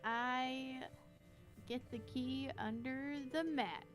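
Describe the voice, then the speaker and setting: A woman's voice: high voice, steady tone, drawn-out words, soft background music. A woman chatting casually as a player in a tabletop role-playing game.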